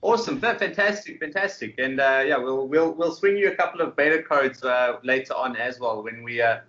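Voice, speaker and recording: A man's voice: mid-range voice, brisk, a bit bright. A man speaking casually as an interview guest, easygoing and hesitant in his phrasing. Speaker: podcast guest, game developer. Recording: dull, lo-fi online call.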